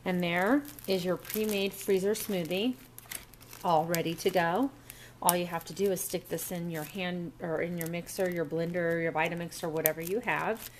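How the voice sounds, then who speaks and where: A woman's voice: lowish voice, steady tone, normal speed, slight background noise. A woman walking through a recipe step by step in a casual kitchen demo at a home counter, recorded on the camera mic. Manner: chatty, step-by-step instructions. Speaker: cooking vlogger.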